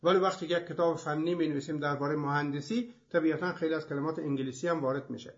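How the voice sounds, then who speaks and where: A high-voiced man gives a methodical, explanatory lecture as host of a language programme. He works through his points one example at a time. The recording sounds dull and lo-fi. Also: fairly even intonation.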